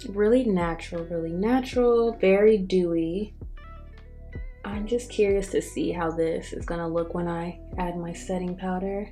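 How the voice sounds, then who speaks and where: Soft music plays behind a woman with a slightly low voice. She chats casually and directly to her viewers as a beauty vlogger giving a makeup review. Her speech is slightly affected by the retainer she is wearing. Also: measured pace. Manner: chatty, addresses viewers directly. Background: background music.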